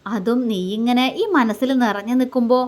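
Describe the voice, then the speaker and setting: A man's voice: very high voice, fairly even intonation, moderate pace. A woman reading as a teasing young husband. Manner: teasing, soft-spoken. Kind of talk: romantic story reading.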